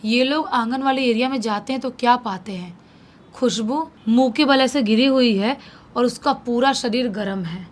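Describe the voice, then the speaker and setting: A woman's voice: fairly high pitch, moderate pace. A woman telling a horror story in a dramatic way, mixing English words into her telling.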